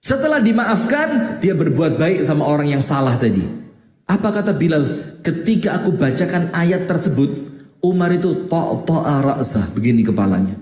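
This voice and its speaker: A man's voice: fairly high pitch, very animated, moderate pace, darkish tone. Male preacher, chatty and joking, reciting verses; roomy echo. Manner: joking, chatty, mixes in Javanese words. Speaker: Islamic preacher. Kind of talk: casual sermon with Quran recitation. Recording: echoey hall.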